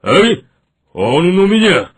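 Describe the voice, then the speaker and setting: Storybook lion king, proud and blustering, husky and slow-spoken. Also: very animated, heavily acted. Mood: gruff. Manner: gruff, booming laughs and groans.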